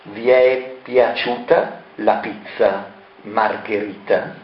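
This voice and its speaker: A man's voice: lowish voice, fairly even intonation, slow. A man voicing a smug, malicious scholar who speaks in a dry, mocking way. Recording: dull roomy recording, faint noise.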